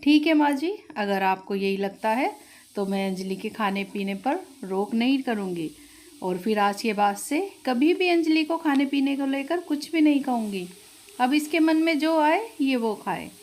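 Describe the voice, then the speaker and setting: A woman's voice: sits high, expressive, a little slow, darkish tone. A woman voicing a patient, put-upon young wife. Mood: restrained. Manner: restrained, mildly complaining.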